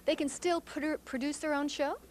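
A television reporter from Texas conducts a chatty, informal live interview on location, indoors at a cable TV studio and edit room. Her high-pitched, slightly mellow voice is steady and brisk, picked up by a handheld stick microphone. The live TV location sound is noisy.

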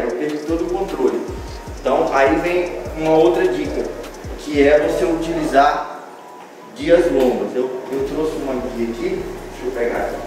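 A Brazilian man in his thirties giving an informal dog-training demonstration, explaining and repeating key phrases for emphasis. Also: a little high. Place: large bare tiled room indoors. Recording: very echoey room, distant mic, background music.

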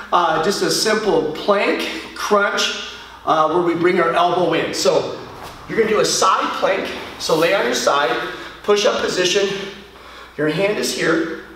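A man's voice: sits high, fairly bright tone, a little hiss or hum. A middle-aged man, a martial arts instructor, leading a home workout class and counting reps aloud while he exercises. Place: large bare studio, indoors. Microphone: far camera. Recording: echoey studio from far off.

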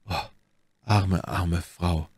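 A man voicing a somber, brooding swordsman who speaks slowly and heavily. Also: fairly low pitch, breathy edge, dry recording, studio quality, heavily acted. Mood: grim. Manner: slow, heavy and grim.

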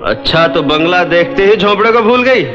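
A man's voice: high-pitched, expressive, moderate pace, a bit bright. An actor playing a young man, a sulky and sarcastic big brother who runs a small eatery, scolding in a wounded way. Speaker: lead film character. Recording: muffled roomy 1970s film soundtrack.

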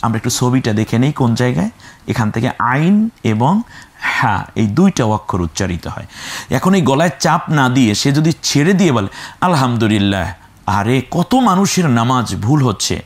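A man's voice: medium pitch, expressive, a little fast. A man teaching children to read the Quran, patiently drilling letters and syllables aloud and growing emphatic when he warns about mispronunciation. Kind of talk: children's Quran reading lesson.

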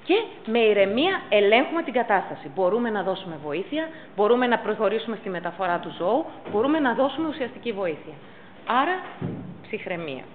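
A woman's voice: mid-range voice, lively intonation, narrow, tinny audio, a little hiss or hum. A woman teaching pet first aid at a public talk, stressing and repeating her key points. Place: council chamber.

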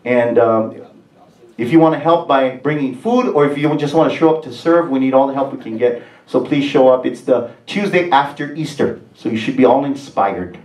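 A man's voice: medium pitch, normal speed, darkish tone. A middle-aged man with a Hawaiian Pidgin-tinged accent, a pastor giving church announcements in a chatty, upbeat way with laughing asides. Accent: Hawaiian Pidgin-tinged English. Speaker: pastor and worship leader. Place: stage of a large movie theater used as a church. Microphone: handheld mic on a stand, far camera. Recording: roomy theater sound from far off.

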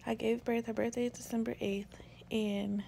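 A young woman speaking softly and tenderly in a hospital room, tired and sore after giving birth. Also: on the high side, little pitch movement, normal speed, vocal fry, poor audio. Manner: soft, hushed, tender. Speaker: vlogger. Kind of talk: quiet casual vlog chat. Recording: loud background noise.

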